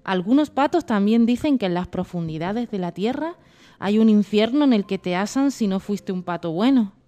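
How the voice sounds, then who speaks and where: A woman's voice: mid-range voice, lively intonation, moderate pace, warm tone, soft background music, close to an everyday voice. A woman voicing a curious, talkative male duck who asks eager questions, reading a storybook.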